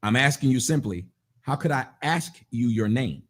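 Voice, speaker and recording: During a heated on-air argument, a male radio host in his forties turns pushy and combative, cutting across the other person. He talks at a moderate pace in an animated, mid-range voice.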